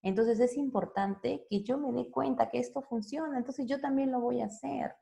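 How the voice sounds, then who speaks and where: Her voice runs on the high side, gravelly yet mellow, at a moderate pace. This psychologist talks informally with parents, walking through ideas one step at a time and frequently tacking on tag questions to check in.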